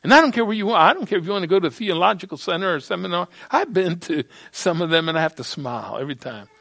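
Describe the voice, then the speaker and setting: High-voiced older male preacher. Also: expressive, creaky, no room sound. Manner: emphatic preaching, swings from soft to loud; halting restarts and repeated words. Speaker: pastor. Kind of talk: sermon. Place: church sanctuary.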